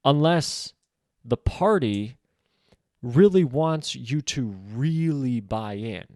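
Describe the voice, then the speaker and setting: A man talks through a book on his podcast in a loose, thinking-aloud way, peppering his sentences with fillers. His voice sits at an ordinary middle pitch, recorded close and dry with no room sound. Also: lively intonation, slow, warm tone, no echo. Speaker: podcast host discussing a novel. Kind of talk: casual solo book discussion.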